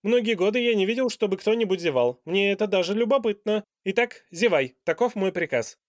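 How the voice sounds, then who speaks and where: A man voicing a pompous, proud old king who gives loud, high-pitched commands in a storybook reading. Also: expressive, a little fast, no echo, clean studio sound. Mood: commanding.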